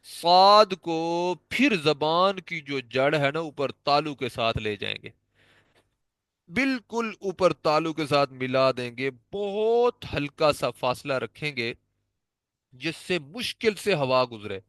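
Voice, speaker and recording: A man's voice: on the high side, big pitch swings, fairly bright tone, smooth, no echo. A man teaching Quran recitation, patiently explaining and repeatedly demonstrating how to pronounce letter sounds. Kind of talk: pronunciation lesson.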